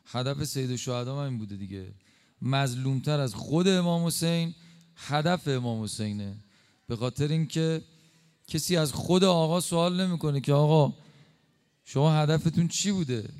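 A male preacher giving an impassioned sermon, slowing for emphatic stresses and dropping suddenly quiet. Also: on the high side, smooth. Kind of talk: religious sermon.

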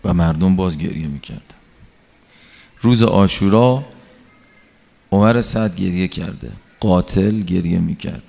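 Low-voiced male preacher in a hall. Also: vocal fry, long pauses, warm tone. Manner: narrates stories and acts out quoted speech. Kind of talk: sermon storytelling. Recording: long hall reverb.

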